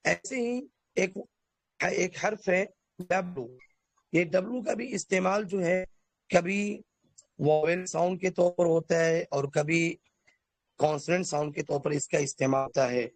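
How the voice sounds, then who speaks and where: A man teaching a basic English lesson, explaining letter sounds and spelling words out slowly letter by letter. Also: high-pitched, steady tone, dry recording. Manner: addresses listeners formally.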